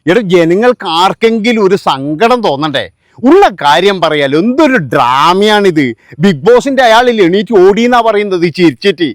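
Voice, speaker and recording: A man with a notably high-pitched voice delivering sarcastic vlog commentary, scornful and mocking throughout. The sound is close and completely dry, with no trace of room. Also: lively intonation, moderate pace, no echo. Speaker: vlogger.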